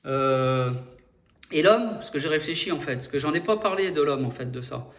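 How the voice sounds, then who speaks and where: Male host, high bright voice, rambling solo explainer who keeps correcting himself and checking in with viewers. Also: expressive, moderate pace. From France. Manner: hesitant, restarts often, addresses viewers directly. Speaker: video host explaining number codes.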